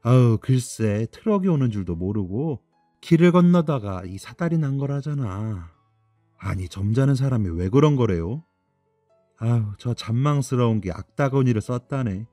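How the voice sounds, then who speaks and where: A man's voice: medium pitch, expressive, normal speed, dark tone, dry recording, faint music behind, natural voice. A man voicing spiteful middle-aged neighbor women gossiping at a funeral in a radio drama. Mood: scornful gossip. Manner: clucking, scornful.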